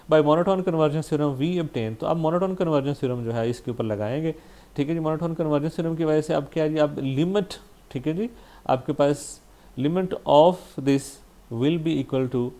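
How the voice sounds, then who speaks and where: A man's voice: a little high, warm tone. A man with a Pakistani Urdu accent giving a recorded math lecture, explaining step by step, checking in often with his listeners and mixing English math terms into his speech. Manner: explains step by step, frequent "theek hai ji" checks.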